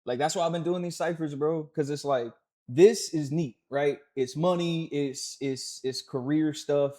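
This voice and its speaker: A man from Fayetteville, North Carolina, a guest who organizes music cyphers, chatting casually in a relaxed, thankful way with frequent fillers. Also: on the high side, a little slow. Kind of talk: casual interview chat.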